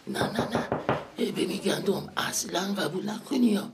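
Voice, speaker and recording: An actor playing a flustered middle-aged taxi driver who whispers into the phone, hushed and evasive. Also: male voice, sits high, gravelly, noisy background. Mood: alarmed.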